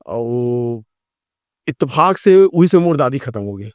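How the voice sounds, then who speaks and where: A man's voice: medium pitch, measured pace, no room sound, studio quality. A middle-aged man with a Chhattisgarhi accent telling stories in a casual interview, rambling and acting out the lines he quotes. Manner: rambling, animated, acts out quoted dialogue. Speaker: filmmaker and theatre actor.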